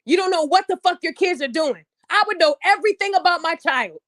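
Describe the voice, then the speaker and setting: A woman with a very high voice delivers a heated, blunt podcast rant, swearing freely and hammering her points home. The sound is dry and close, with no room around her. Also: lively intonation, fairly quick, fairly bright tone, no room sound. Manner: heated, blunt, profane, emphatic. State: upset. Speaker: podcast host. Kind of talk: angry opinion rant.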